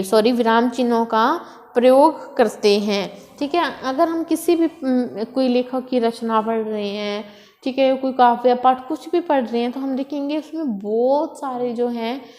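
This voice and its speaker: Woman, teacher, high pitch, long reverb, asks and answers own questions. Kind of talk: explaining a lesson. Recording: echoey room with long reverb.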